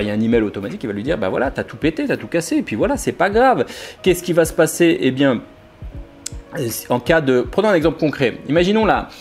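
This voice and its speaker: A man talks straight to his viewers like a colleague, loose and informal, tripping over his words and restarting his sentences. He sprinkles in dry, sarcastic jokes while he explains his developer habits, at a middle pitch. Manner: informal, addresses viewer as "tu", frequent restarts and hesitations; jokey, sarcastic asides. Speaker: software developer explaining testing. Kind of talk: casual explainer vlog.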